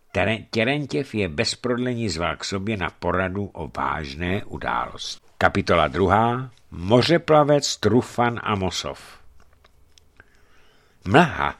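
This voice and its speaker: A man calmly narrating a historical novel as an audiobook in a measured reading voice. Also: fairly low pitch.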